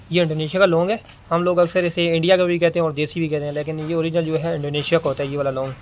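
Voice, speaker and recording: A man's voice: on the high side, slight background noise. Pakistani-accented man selling spices. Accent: Pakistani Urdu. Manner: repetitive price-calling, plain salesman patter. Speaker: spice and dry fruit seller. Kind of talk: casual sales walkthrough.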